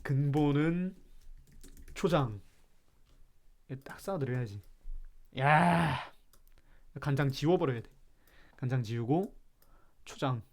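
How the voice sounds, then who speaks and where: Man, from Chungcheong, live stream host, playful mock-serious rant, reads chat, mid-pitched voice. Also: lively intonation, measured pace, long pauses, dark tone. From Chungcheong, South Korea.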